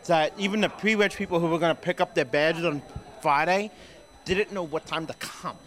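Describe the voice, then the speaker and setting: A man's voice: fairly high pitch, moderate pace, a bit bright. A young man hosting a casual convention recap, rambling with fillers and restarts. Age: young adult. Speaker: host.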